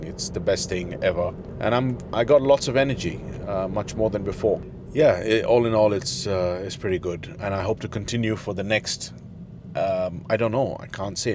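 A middle-aged man chatting to camera from a parked car into a handheld mic, halting with many fillers. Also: deep voice, noisy background. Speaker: dad in a family gym vlog. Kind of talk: casual talk to camera. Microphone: handheld fluffy wireless mic.

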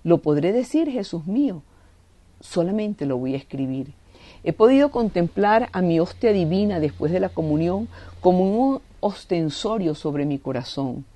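A woman's voice: on the low side, expressive, moderate pace, dark tone, dry recording. A woman giving a devotional reading and reflection, fervent and reverent, leaning on prayerful words.

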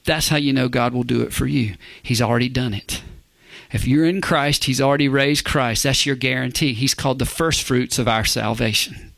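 A male pastor preaching a verse-by-verse sermon, emphatic, often asking the congregation "Amen?" and dropping to a hushed whisper for emphasis. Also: medium pitch, normal speed, creaky, dry recording.

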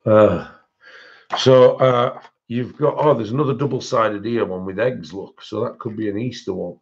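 With long pauses and an unhurried pace, a man with a fairly low voice hosts a coloring book channel's live-stream supply haul. He rambles and chats with commenters, using frequent fillers and self-corrections, on a muffled recording.

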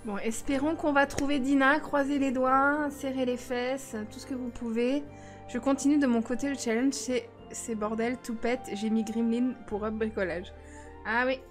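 A woman's voice: high voice, fairly even intonation, moderate pace, faint music behind. A woman streaming a life-sim game, chatting casually and teasing her viewers. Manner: chatty, teasing, talks back to chat.

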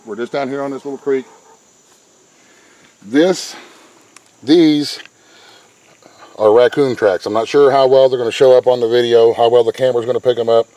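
A middle-aged homesteader explains step by step, in a plain, folksy way, how to set a trap, standing outdoors by a pen and a wooded creek. He talks at a normal speed in a warm, steady, mid-range voice with long pauses. A handheld camera mic close by makes for a rough recording, with faint insects and crickets behind him.

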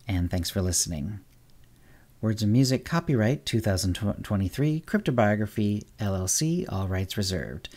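A man narrating a scripted story as the host of a story podcast, in a measured way. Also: on the low side, expressive, darkish tone. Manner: measured, then brisk in the outro.

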